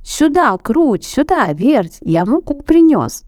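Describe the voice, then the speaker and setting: A woman's voice: high voice, sing-song, slow, a little mellow, no echo, clean studio sound, pitched above the performer's own voice, full character voice. A woman voicing a busy, hardworking male rooster, calling out eagerly in a fairy tale.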